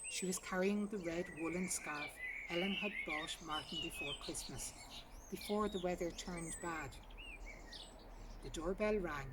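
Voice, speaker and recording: Recorded outdoors in a garden, a woman with a lowish voice reads a short story aloud as scripted narration at a measured pace. The mic is distant, and birdsong and outdoor ambience fill the background.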